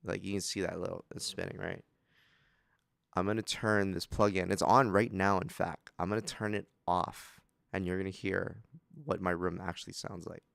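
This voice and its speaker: A man's voice: low-pitched, fairly even intonation, normal speed, gravelly, fairly bright tone, no room sound. A man co-hosting a casual music producers' chat from a home studio room, joking and asking eager questions. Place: small home room with fan. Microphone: home studio mic on video call.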